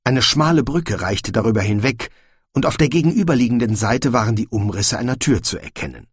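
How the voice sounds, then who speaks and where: A man narrating an audiobook in scripted storybook style, with expressive, shifting intonation. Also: medium pitch, a little fast, husky, no echo. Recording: dry, close audiobook recording.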